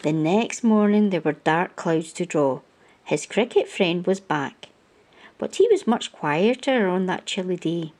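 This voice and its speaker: Reading a picture book to children at storytime, the host speaks in a mellow, soft-edged voice pitched in the middle. She goes slowly, and her phrasing rises and falls with a storyteller's liveliness.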